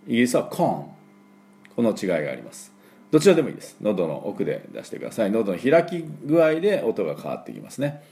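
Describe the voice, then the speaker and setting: Gravelly-voiced man teaching English pronunciation. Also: lowish voice, huge pitch swings, faint music behind. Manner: chatty, many fillers, models pronunciation slowly and loudly. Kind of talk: casual spoken English lesson.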